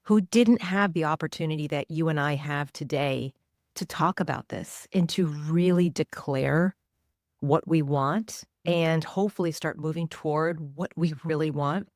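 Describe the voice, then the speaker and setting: A woman's voice: low-pitched, unhurried, a little mellow, dry recording, clean studio sound. A woman in her forties, a journalist and author, answering interview questions in a reflective, earnest way. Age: 40s.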